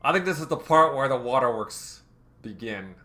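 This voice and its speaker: A man's voice: mid-range voice, expressive, moderate pace, pushed and bright, faint music behind. A man hosting a let's play, giving emotional, rambling commentary full of fillers. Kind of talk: game commentary.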